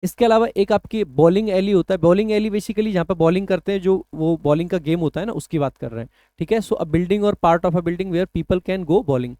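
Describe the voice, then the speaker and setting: A man teaching English vocabulary for an exam, explaining patiently and slowing down to read English phrases aloud. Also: sits high, dark tone, no room sound. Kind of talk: exam-prep lesson.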